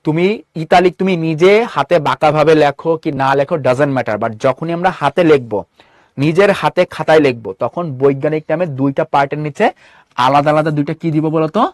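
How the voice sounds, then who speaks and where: A man's voice: on the high side, dry recording, studio quality. A man with a Bangladeshi Bengali accent teaching a live online class, rattling off questions to his students. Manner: quick, repeatedly quizzing students with rhetorical questions. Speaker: online tutor.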